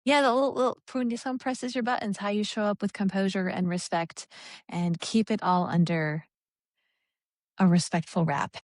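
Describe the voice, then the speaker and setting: A woman's voice: mid-range voice, steady tone, moderate pace, dry recording, studio quality. Upbeat woman co-hosting a podcast. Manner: upbeat, encouraging. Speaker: podcast co-host. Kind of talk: casual podcast chat.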